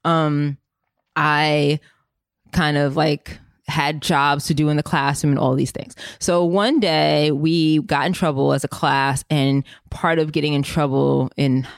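Podcast host, woman, low voice, dry close sound, rambling and animated storyteller. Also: unhurried, dry recording. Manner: rambling, many "like" fillers; animated and emotional when telling the story. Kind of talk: casual storytelling chat.

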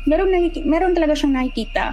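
A young Filipina with a high, rapid-fire voice casually tells a true horror story, mixing Tagalog and English. She's animated and acts out what the children said. The audio is poor, with slight background noise.

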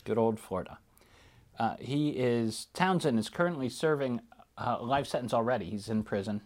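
A man's voice: mid-range voice, moderate pace, a little mellow. A man hosting a true crime podcast, giving informal, conversational commentary on the news.

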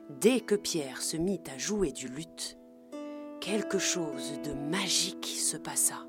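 A woman reading a children's storybook aloud in a gentle, measured storytelling voice. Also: fairly low pitch. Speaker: narrator. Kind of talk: scripted storybook narration.

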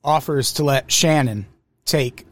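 A man co-hosting a podcast, recapping with relaxed, dry humor in casual chat. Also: medium pitch, takes it slowly. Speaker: podcast co-host.

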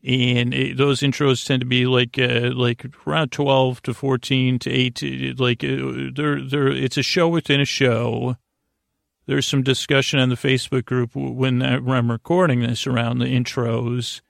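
A man with a creaky voice hosts a sleep podcast, rambling soothingly and a little goofily, stammering and wandering off into tangents. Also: medium pitch, flat delivery, no room sound, studio quality. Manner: meandering, halting, stammering, trailing off into tangents; soothing, lulling, goofy. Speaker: podcast host. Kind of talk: rambling bedtime monologue to help listeners sleep.

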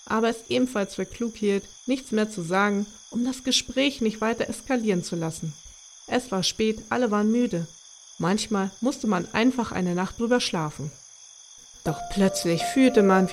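Lady reading a kids audio story, steady, mid pitch, clear music underneath. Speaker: narrator. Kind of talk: scripted audiobook narration.

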